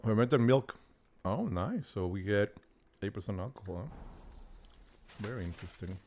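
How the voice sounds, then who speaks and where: A deep, low-pitched man streams a game and rambles to himself in easy, casual commentary, now and then cursing mildly. Bird calls and countryside game sounds run clearly under his voice. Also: lively intonation, normal speed, a little mellow, a little hiss or hum. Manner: chatty, thinking aloud, mild cursing. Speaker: gaming streamer. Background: game sounds of birds and countryside.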